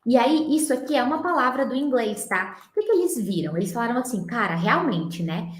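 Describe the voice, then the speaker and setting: A woman with a Brazilian Portuguese accent teaching a live online English class. She chats with her students and slows down to demonstrate phrases. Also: a little high, sing-song, roomy sound. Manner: chatty, coaxing, often slows down to demonstrate phrases.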